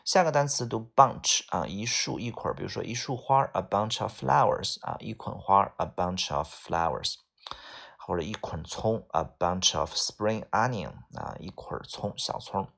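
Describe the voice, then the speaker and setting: A man teaching an English vocabulary lesson, repeating each word and filling pauses. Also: on the low side, gravelly, a bit bright.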